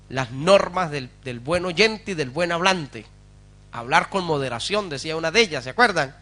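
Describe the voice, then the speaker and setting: A man's voice: fairly high pitch, bright, forceful tone. A man, a pastor, preaching a sermon with fervour, calling out to his congregation for responses and asking rhetorical questions.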